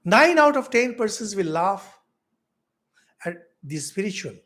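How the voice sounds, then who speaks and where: A middle-aged Indian man with an Indian English accent, a monk giving a spiritual lecture, asking rhetorical questions with big swings in loudness. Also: high-pitched, sing-song, measured pace. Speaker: monk teaching spiritual philosophy.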